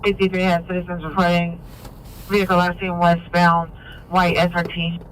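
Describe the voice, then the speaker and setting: Police radio dispatcher, man, fairly high voice, clipped procedural delivery, distant scanner audio with steady car noise behind. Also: moderate pace. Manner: clipped, procedural, reads codes and addresses.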